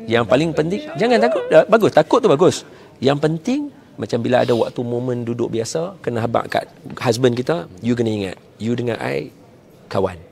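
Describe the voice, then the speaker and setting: A man's voice: medium pitch, expressive, fairly quick, gravelly, a little mellow. A man, a religious teacher giving jokey, casual marriage advice and mixing English phrases into his talk. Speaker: ustaz, religious speaker.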